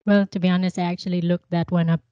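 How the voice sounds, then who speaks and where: A young woman from the Philippines hosting an interview over a video call, friendly and quick to laugh. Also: fairly low pitch, flat delivery, no echo. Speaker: podcast host. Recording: dry, dull lo-fi call audio.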